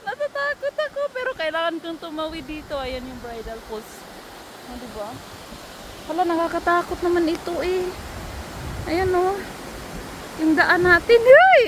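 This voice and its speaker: Giggly high-voiced woman vlogging outdoors. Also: background noise. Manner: excitable, giggly, exclaims often. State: nervous and shaky on a bridge. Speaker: travel vlogger. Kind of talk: casual vlog narration. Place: outdoors by a waterfall. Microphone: handheld phone. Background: rushing waterfall.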